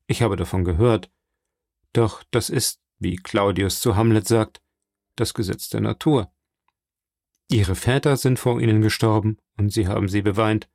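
A man reading the lines of a calm, worldly middle-aged count in an audiobook, measured and quietly ironic. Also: fairly low pitch, vocal fry, no echo, clean studio sound. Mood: composed.

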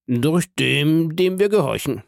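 A man reading an audiobook and voicing a calm, phlegmatic bandit chief who answers in an unhurried, dry, mockingly courteous way. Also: fairly high pitch, vocal fry, no echo, pitched above the performer's own voice, heavily acted.

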